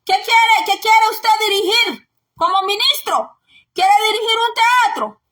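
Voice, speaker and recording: A woman's voice: very high-pitched, expressive, measured pace, bright, forceful tone. A woman preaching a sermon with emphatic, scolding exhortation, often raising her voice and repeating phrases for emphasis.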